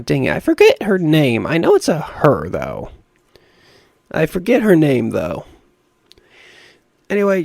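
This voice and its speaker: A young man with a raspy voice giving rambling, self-deprecating commentary over a video game. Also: a little high, no room sound, clean studio sound. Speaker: gaming YouTuber. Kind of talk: casual gameplay commentary.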